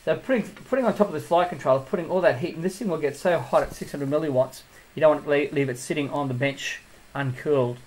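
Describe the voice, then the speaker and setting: A man's voice: on the high side, fast talker, a little mellow, poor audio. A man giving a casual hands-on tutorial as he builds a drone, thinking aloud and drifting into asides.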